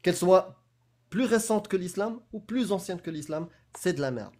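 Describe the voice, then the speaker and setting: A man's voice: sits high, expressive, moderate pace, darkish tone. A man running a heated live debate, pressing and mocking his opponent and talking over him. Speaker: debate host.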